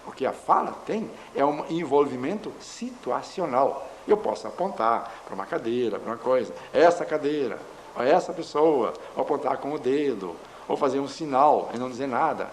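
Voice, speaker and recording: A man giving a measured lecture, explaining with examples. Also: medium pitch, lively intonation, low-quality recording. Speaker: linguistics lecturer. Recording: faint background noise.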